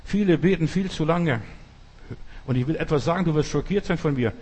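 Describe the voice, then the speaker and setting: A man's voice: a little high, brisk, a little mellow, husky. An older male pastor preaching a sermon, emphatic and repetitive, acting out dramatic prayers.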